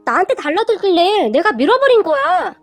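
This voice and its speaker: A woman voicing a blunt, combative young husband who talks in a loud, snappish way. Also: very high-pitched, big pitch swings, fairly quick, faint music behind, full character voice. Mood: angry, sulky.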